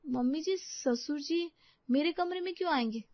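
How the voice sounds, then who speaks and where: A woman's voice: sits high, moderate pace, no echo, pitched above the performer's own voice. A woman voicing a put-upon young daughter-in-law who grumbles in an exasperated way. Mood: grumbling. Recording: slightly dull, dry close recording.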